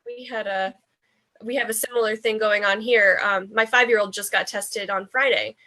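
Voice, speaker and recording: A woman's voice: mid-range voice, fairly even intonation, moderate pace, low-quality recording. A congested woman with a sore throat, speaking anxiously in a casual discussion. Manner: anxious, soft-spoken. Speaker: parent panelist.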